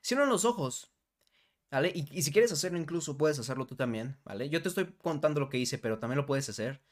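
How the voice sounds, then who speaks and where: A man's voice: fairly high pitch, expressive, quick pace. A young adult man, hosting a motivational podcast in a conversational way, often checking in with "¿vale?" and guiding the listener through affirmations. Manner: warm conversational, frequent "¿vale?" and "¿no?" tags. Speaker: podcast host.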